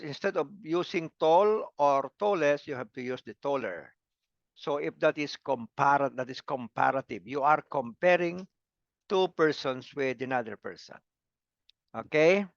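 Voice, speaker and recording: Male grammar teacher, unhurried lecture, dry, muffled lo-fi recording. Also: on the high side, fairly bright tone, clear, resonant tone, dry recording. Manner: repeats words and syllables, asks "come again". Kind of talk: slow classroom lecture.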